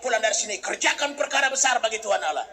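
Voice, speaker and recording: A man preaching in a very high, bright and forceful voice. He delivers a humorous sermon to a church gathering, joking and breaking into loud shouts. Faint background noise sits under the voice. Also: animated, very fast. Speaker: pastor.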